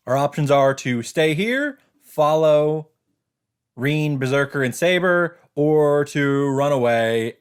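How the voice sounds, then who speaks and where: A man playing a let's play reads visual novel narration dramatically, mixing in casual commentary of his own, over game music. His mid-range voice has a clean tone.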